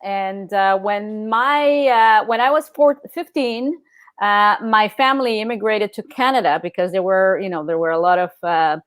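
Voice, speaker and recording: A woman's voice: mid-range voice, normal speed, fairly bright tone, clean tone, no room sound. A middle-aged woman from El Salvador, a guest speaking casually in an interview, with many fillers and restarts.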